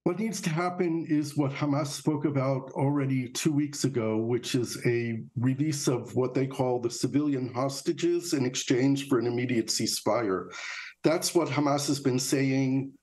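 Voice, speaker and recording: Man in his sixties, medium pitch, interviewed expert, analytical answers, video call from home. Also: moderate pace, darkish tone, rough recording. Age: 60s. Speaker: interviewed Middle East negotiator. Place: home office with bookshelves.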